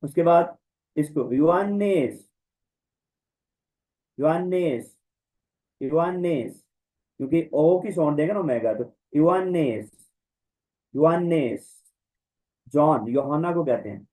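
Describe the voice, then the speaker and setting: A man teaching a Greek language class online, repeating each word slowly and carefully for the students. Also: fairly high pitch, animated, dark tone, low-quality recording. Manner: slow, drawn-out word-by-word pronunciation drills. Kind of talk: online lecture. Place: online class, voice over slides.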